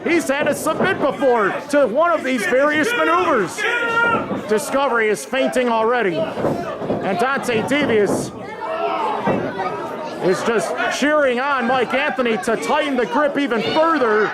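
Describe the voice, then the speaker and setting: A man giving excitable, emphatic live play-by-play commentary on a wrestling match. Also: extremely high pitch, a little slow. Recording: very noisy live event, loud crowd.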